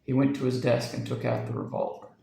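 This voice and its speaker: A man narrating a dark short story with measured, suspenseful pacing. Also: mid-range voice, wildly swooping pitch, creaky, reverberant, a little hiss or hum, poor audio. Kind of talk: dramatic story reading.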